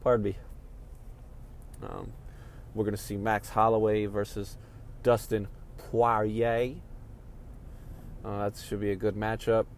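A man's voice: on the low side, flat delivery, slow, pauses often, a little hiss or hum. A man talking casually at home about fight news, rambling and yawning as he goes. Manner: rambling, yawning, laid-back. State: sleepy, yawning. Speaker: MMA commentary vlogger. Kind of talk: casual solo talk. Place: home room with sunny window.

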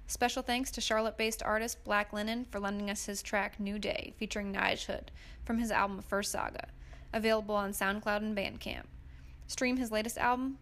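A woman's voice: medium pitch, a bit bright. A woman from the Northern US, co-hosting a podcast in casual chat, direct and teasing. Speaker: podcast co-host.

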